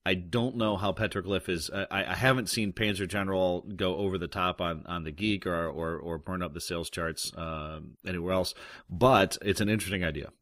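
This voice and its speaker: Male podcast host, casual rambling delivery, lowish voice, dry close sound. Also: steady tone, brisk, fairly bright tone, dry recording. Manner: rambling, many restarts and fillers. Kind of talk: casual news chat.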